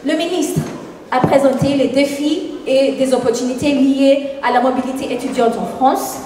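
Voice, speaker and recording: A woman from Kenya with a Kenyan accent, moderating and giving a formal, measured closing summary at a forum. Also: high voice, fairly even intonation, noisy background. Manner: measured, formal, occasional self-corrections. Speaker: program manager and moderator. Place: large conference hall. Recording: very echoey hall, distant mic.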